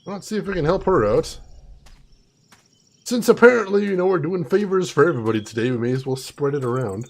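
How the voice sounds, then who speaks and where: Casting: male game streamer, very lively intonation, creaky husky voice, playful casual commentary. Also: fairly high pitch, a little fast. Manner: playful, chatty, theatrical asides.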